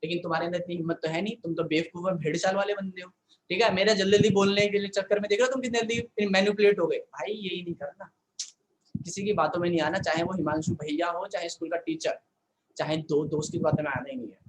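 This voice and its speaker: A man teaching a live online science class, scolding and joking with his students in rapid banter and repeating a filler word. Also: high-pitched, steady tone, roomy sound, a little hiss or hum, rough recording. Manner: repeats filler "yaar" often.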